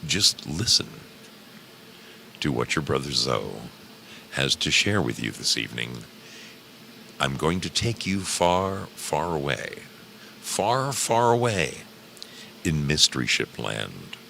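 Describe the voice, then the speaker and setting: Very deep, gravelly man, intimate and close. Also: big pitch swings, bright, forceful tone, a little hiss or hum, rough recording. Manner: drawn-out, repeats phrases for effect. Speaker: host of an old time radio programme livestream. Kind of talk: casual livestream chat, easing listeners into a story. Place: garage with a heater running.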